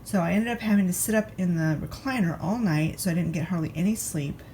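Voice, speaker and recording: Speaking fairly quickly in a low, dark voice, a stuffed-up woman vlogger chats from her recliner at home while narrating a food vlog. She addresses the camera directly in a talkative, homey way, and the recording carries slight hiss or hum.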